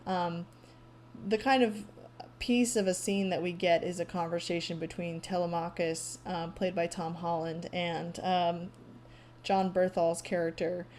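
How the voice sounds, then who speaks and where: A woman casually recapping a trailer on her own, pausing often with ums and thinking aloud. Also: on the low side, level tone, a little mellow, slight background noise. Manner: frequent ums, halting, thoughtful. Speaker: vlogger recapping a movie trailer.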